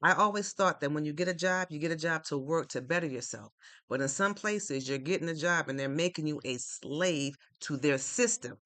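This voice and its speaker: Bright high-voiced man encouraging viewers. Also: normal speed, no room sound. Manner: earnest, repetitive, encouraging; faith-based preaching tone. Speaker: livestream host. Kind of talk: motivational live-stream talk.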